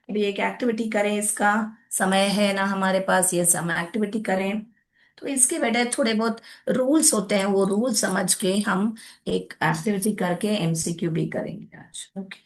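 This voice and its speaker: Young woman, classroom teacher, slow and patient, explains step by step, mixes in English words. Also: mid-range voice. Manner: patient, explaining step by step, addresses pupils as child. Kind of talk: classroom grammar lesson.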